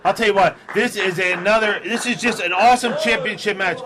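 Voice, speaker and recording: A man's voice: high voice, a little fast. A man doing live color commentary as a lucha libre announcer, exclamatory and repeating phrases for emphasis. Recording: crowd noise behind commentary. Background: live crowd.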